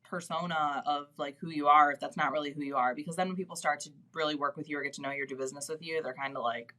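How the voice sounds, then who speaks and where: A woman speaks as an interview guest in loose, friendly conversation. She talks chattily and keeps filling her sentences with "like" and "you know". Her voice is very bright and forward. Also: sits low, steady tone, rapid-fire. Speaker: guest, business executive. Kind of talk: casual interview chat.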